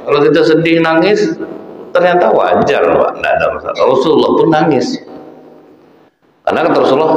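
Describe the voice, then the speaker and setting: Male preacher, lively delivery, lowish voice, booming reverberant hall on a muffled recording. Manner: animated, addresses the audience as Pak and Bu. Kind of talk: sermon. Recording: echoey, dull hall recording.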